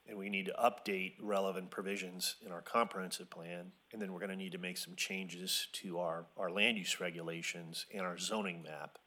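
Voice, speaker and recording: A man with a very deep voice and a sharp, forceful tone briefs a planning commission. He hedges his points, filling pauses and restarting phrases as he explains. He speaks in a city meeting room. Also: breathy edge. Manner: hedging, with many fillers and restarts. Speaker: city planning staff member.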